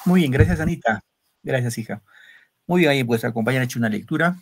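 A man's voice: mid-range voice, expressive, fast, husky. A male secondary school literature teacher giving an online class over a video call, explaining step by step and often checking with students. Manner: explains step by step, keeps asking students questions with tag "¿no?".

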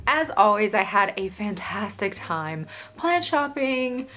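A plant vlogger in her thirties, her mid-range voice a bit bright and full of big pitch swings, narrates slowly and with gushing excitement while touring an indoor plant shop. Background music sits under her voice in this casual shop-along.

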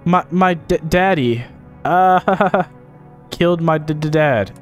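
A man's voice: mid-range voice, fairly even intonation, faint music behind, lightly acted. A man voicing a frightened little girl from a game, stammering over her words. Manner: stammering, halting. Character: scared stuttering little girl.

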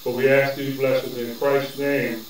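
A man's voice: medium pitch, little pitch movement. Bishop guy preaching a sermon, fervent, stretched-out words, faint noise behind. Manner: rising into fervent preaching cadence, drawn-out stresses. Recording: echoey distant room with faint noise.

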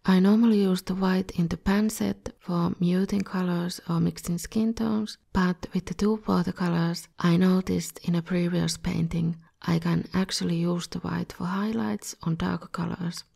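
A woman's voice: on the low side, gravelly, dark tone, breathy edge. A woman with a slightly scratchy voice, a bit under the weather, narrating an art tutorial as its host in a scripted style. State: a bit ill. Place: voice-over recording.

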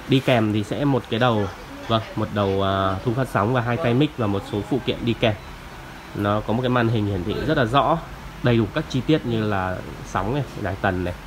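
A man's voice: lowish voice, noisy background. A man giving a polite, hesitant product demo as an audio shop salesman. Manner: polite, deferential, with frequent hesitations. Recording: music playing clearly behind.

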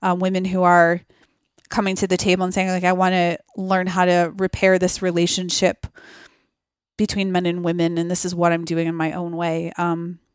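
A woman speaking as a podcast guest in a relaxed, earnest conversation, reflective and quick to laugh. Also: on the low side, smooth, no room sound, clean studio sound. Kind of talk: conversational interview.

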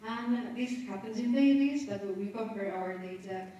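A woman's voice: medium pitch, normal speed, warm tone, highs cut off, a little hiss or hum. Give me a woman giving a conference lecture, heard from a distance in a very echoey hall. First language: Spanish. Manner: explanatory, with tag questions and restarts.

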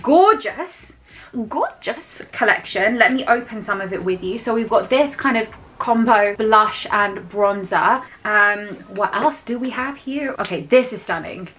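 A woman's voice: medium pitch, normal speed, fairly bright tone, a little hiss or hum. A young woman in her twenties, chatting enthusiastically to camera while unboxing beauty products, with frequent fillers. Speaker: beauty vlogger. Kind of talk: casual haul chat to camera.

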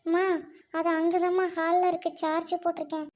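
A woman's voice: very high-pitched, level tone, fairly quick. A young woman playing a college girl in love, pleading tearfully with her mother. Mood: meek. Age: young adult. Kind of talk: amateur audio drama.

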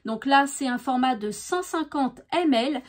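High-voiced lady showing off her beauty haul, chatty, lots of little pauses. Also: expressive. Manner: chatty, frequent hesitations, enthusiastic about products. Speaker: beauty vlogger. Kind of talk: casual haul chat to camera.

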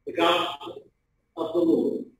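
A middle-aged man, a priest, reading the gospel and preaching in a measured, deliberate way from a lectern in a church sanctuary. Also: extremely high pitch, very animated, creaky, background noise. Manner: measured, deliberate delivery from a pulpit. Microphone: stand mic, camera from across the room. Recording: echoey church from far off.

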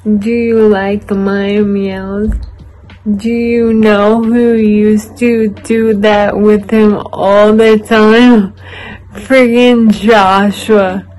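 A woman vlogging casually to camera, talking in halting, rambling bits with many restarts. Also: medium pitch, level tone, darkish tone, soft background music, rough recording. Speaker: vlogger documenting her recovery.

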